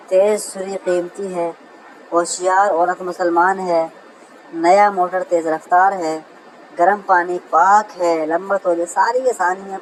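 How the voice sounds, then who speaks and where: A man teaching Arabic grammar in a lecture, who keeps calling his listeners brother, reads example sentences slowly and answers his own questions. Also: high-pitched, slight background noise, rough recording. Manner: asks a question and answers it himself. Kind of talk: classroom lecture.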